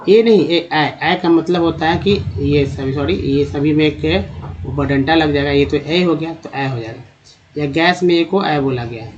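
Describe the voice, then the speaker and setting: A man teaching English pronunciation to Hindi speakers, spelling out words and repeating each one slowly while quizzing the viewer. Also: a little high. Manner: repeats each word slowly, drilling vowel sounds; addresses viewers as friends, asks rhetorical questions. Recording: dull lo-fi recording.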